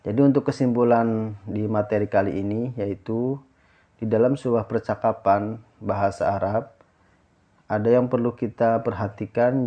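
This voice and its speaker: A man's voice: lowish voice, muffled recording. A man teaching a class lesson, explaining patiently, repeating himself and restarting words, often adding "ya" as a filler.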